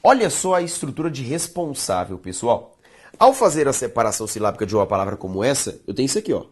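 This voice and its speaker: A Brazilian Portuguese-accented woman gives an online grammar lesson. Her voice is expressive and full of pitch movement, and she lingers on stressed words while addressing her students directly. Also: quick pace, breathy edge. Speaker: teacher.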